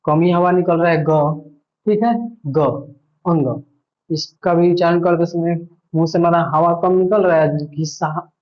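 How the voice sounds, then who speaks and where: A man's voice: fairly high pitch, steady tone, normal speed, dull audio. A male teacher giving an online grammar lesson, patiently repeating points and asking himself questions.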